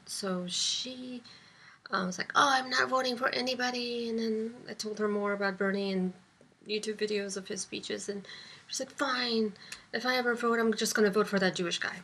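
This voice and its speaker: A woman's voice: medium pitch, steady tone, normal speed, fairly bright tone, a little hiss or hum. A sleepy-sounding woman giving casual political commentary to camera, rambling with many ums and dropping into whispery asides. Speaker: vlogger and public access show host.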